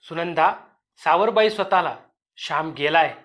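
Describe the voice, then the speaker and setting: A gentle, sorrowful old village grandmother consoles in a soft, hushed, lower voice, as a male storyteller puts her on. She is a character in an audio story, patient and kind. Her voice drops low and quiet. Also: measured pace. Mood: consoling.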